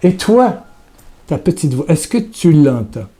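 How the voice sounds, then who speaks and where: Mellow-voiced man giving a hesitant devotional talk. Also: fairly high pitch, big pitch swings, measured pace. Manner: hesitant, repeats words, speaks intimately to the listener.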